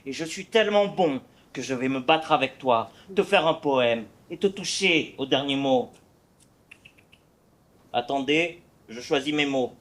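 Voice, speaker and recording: A man's voice: medium pitch, expressive, measured pace, fairly bright tone. A man playing a boastful, witty swordsman poet with a huge nose in an amateur stage play, reciting theatrically with hesitant fillers. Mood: defiant.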